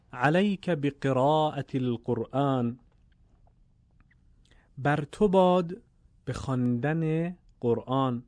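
A man teaching the correct way to recite the Quran to listeners, formal and courteous, drawing out vowels slowly in demonstrations. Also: medium pitch, a little mellow, dry recording. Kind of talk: recorded lesson for listeners.

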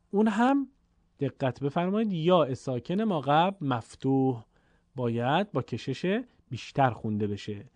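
A man teaching a Quran reading lesson, explaining patiently and drawing out his recited examples slowly. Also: medium pitch, darkish tone, no room sound. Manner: slow, stretched chanted recitation of examples.

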